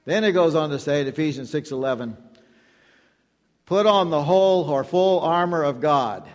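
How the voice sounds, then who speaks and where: A man's voice: a little high, lively intonation, normal speed. Emphatic preacher man in echoing hall. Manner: emphatic, repetitive preaching with call-and-response. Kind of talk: sermon. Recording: long hall reverb.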